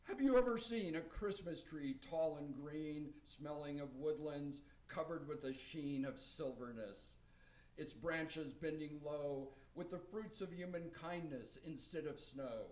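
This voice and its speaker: A man's voice: on the high side, unhurried, darkish tone, distant mic, lightly acted. Kindly, earnest Father Christmas figure, played by a man, reciting radio-play verse in a roomy echo, off mic. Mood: earnest, lyrical. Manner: declaiming rhymed verse, earnest. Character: Santa Claus, wise, kindly, earnest defender of Christmas. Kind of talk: amateur radio play acting.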